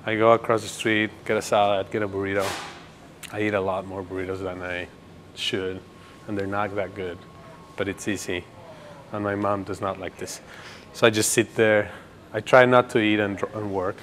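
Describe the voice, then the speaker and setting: Low-voiced man, rambling. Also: normal speed, a little hiss or hum. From Ecuador. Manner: rambling, relaxed, many fillers and restarts. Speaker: graduate student giving a campus tour. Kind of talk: casual documentary interview.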